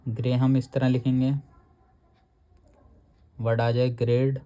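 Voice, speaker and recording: A man's voice: mid-range voice, flat delivery, slow, warm tone. A man teaching a shorthand lesson, explaining each rule step by step and reading the rule text aloud word by word.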